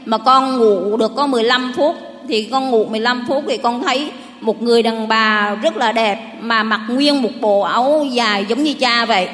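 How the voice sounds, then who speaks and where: Speaking at normal speed with hardly a pause, a middle-aged woman in a fairly bright, highish voice shares her church testimony as a parishioner. She rambles warmly and keeps starting over, with long hall reverb on the recording.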